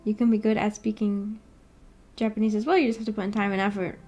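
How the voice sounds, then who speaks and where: Over soft background music and lo-fi sound, a native English-speaking woman hosts an indoor book club stream through an animated avatar. She talks fast in a slightly mellow, medium-pitched voice with little pitch movement, chatting casually and giggling playfully as she reads viewer comments.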